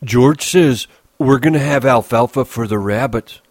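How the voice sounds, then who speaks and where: Man acting out a big childlike man, higher-pitched, slow-witted. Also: darkish tone, no room sound, clean studio sound. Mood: eager, insistent. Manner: simple, stubbornly repetitive, ungrammatical rural speech.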